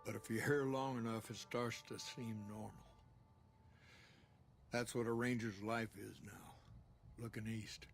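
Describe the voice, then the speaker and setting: An actor playing a weathered older ranger chief in a video game, calm and plain-spoken, speaking in a measured, folksy way with a gravelly voice. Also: male voice, medium pitch, faint music behind, lightly acted. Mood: calm, respectful. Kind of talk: video game character dialogue.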